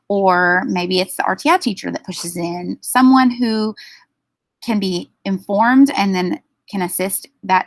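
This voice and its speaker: A woman leads a staff training session and walks through the rules at an even, explanatory pace, with plenty of ums. Her mid-pitched voice has a gravelly edge. The sound is dry and close. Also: no echo. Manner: explanatory, steady, with frequent ums.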